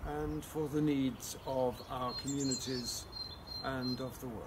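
An older man reading prayers and scripture aloud in a solemn, measured, reverent manner, like a closing blessing. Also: medium pitch, steady tone. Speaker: prayer leader. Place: outdoor garden by a hedge. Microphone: camera a few metres away. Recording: outdoors, loud birdsong and ambient noise.

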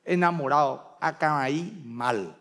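Paraguayan pastor guy preaching, tells family stories, does the relatives' voices, a bit high pitched. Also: a little slow, fairly bright tone. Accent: Paraguayan Spanish. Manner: storytelling, acting out family voices in quotes. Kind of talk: sermon.

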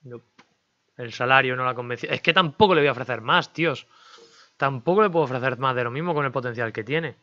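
Bright-voiced gamer, lo-fi mic. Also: male voice, mid-range voice, brisk. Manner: chatty, talks to himself and viewers while negotiating. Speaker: gaming YouTuber. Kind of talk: casual game commentary.

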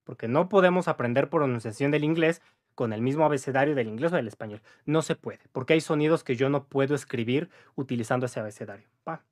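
Speaking quickly in a mid-range voice, a young man in his twenties with a Mexican accent gives a casual English lesson to camera. He's upbeat and chatty, frequently checking in with "¿vale?" and "¿va?" tag questions. He's filming indoors against a patterned wall.

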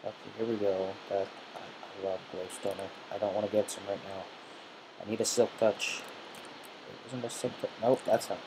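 A man's voice: lowish voice, moderate pace. A teenage boy talking through his own video game session, jittery and nervous, muttering to himself as he plays. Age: teens. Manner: nervous, jittery self-talk while playing. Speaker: gamer. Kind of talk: let's play commentary. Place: room in a family home. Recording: steady background hiss.

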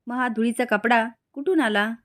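A woman's voice: a little high, moderate pace, fairly bright tone, natural voice. A woman reading a clever, insistent little boy.

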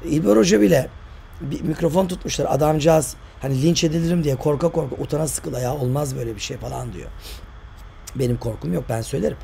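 A man's voice: fairly high pitch, fast, gravelly, mellow, a little hiss or hum. An older man, a tour guide and author, giving emphatic, argumentative vlog commentary full of rhetorical questions. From Turkey.

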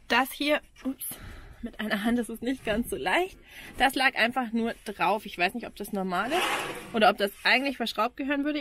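Holding an action camera at arm's length, an Austrian woman in her forties gives a casual, frank vlog walkthrough of her camper van outdoors, full of ums and little laughs. Her voice sits on the high side with a fairly bright tone, and there's a bit of hiss or hum.

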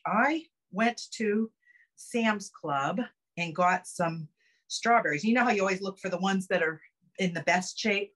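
A middle-aged woman gives a chatty, upbeat cooking demo over a video call from her home kitchen, explaining every step. Her mid-range voice has a fairly bright tone, and it's captured close up on a phone camera.

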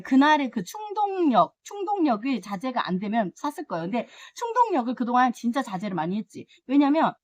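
A middle-aged woman vlogger chatting excitedly through an unboxing, laughing often and gushing. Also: a little high, no echo. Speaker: succulent vlogger. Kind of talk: casual unboxing chat.

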